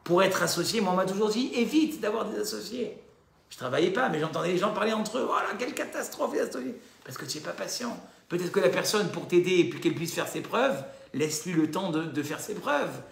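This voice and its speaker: A man leads a recorded religious lesson, speaking directly to his audience and peppering it with rhetorical questions. His voice sits a little high with a gravelly edge. The room gives it a noticeable echo. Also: a little fast. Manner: lively, addresses listeners directly with rhetorical questions. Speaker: religious teacher. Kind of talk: recorded Torah class lecture.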